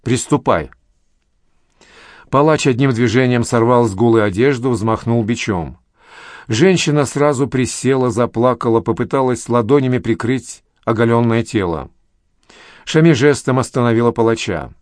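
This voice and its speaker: A man reading an audiobook in a steady, measured way. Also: mid-range voice, no echo, clean studio sound. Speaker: narrator. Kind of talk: audiobook narration.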